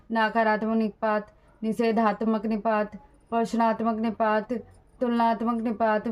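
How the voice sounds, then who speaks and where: A woman's voice: a little high, darkish tone. A young woman teaching a grammar lesson in a classroom style, repeating each example sentence twice.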